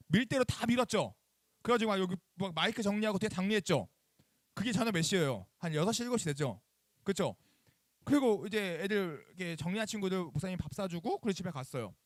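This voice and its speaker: Lively high-voiced man preaching to teens. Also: dry recording, studio quality. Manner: animated, acts out phone calls and asks the kids questions. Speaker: youth pastor. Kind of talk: sermon to middle schoolers. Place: church chapel.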